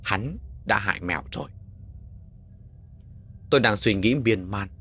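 A man narrating a first-person horror story with dramatic, expressive delivery. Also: on the low side, a little slow, husky.

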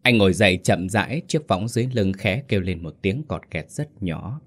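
A man narrating a story slowly and gently, in a somber tone. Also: low voice, animated. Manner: slow, gentle, somber reading.

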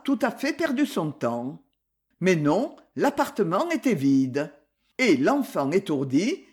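An audiobook narrator giving a slow, expressive scripted reading of a detective novel. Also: mid-range voice.

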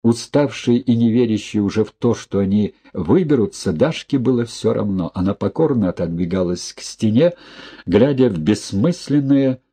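A man reading a thriller novel aloud as an audiobook narrator in a steady, even storytelling manner. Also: on the low side, moderate pace, husky. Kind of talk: scripted narration.

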